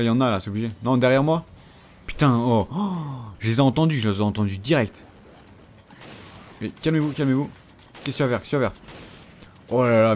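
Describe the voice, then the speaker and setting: A man's voice: mid-range voice, a little mellow, slight background noise. A man giving casual commentary over his own gameplay, chatty and teasing the enemies he fights. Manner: chatty, taunts enemies, frequent fillers. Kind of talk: casual let's-play commentary.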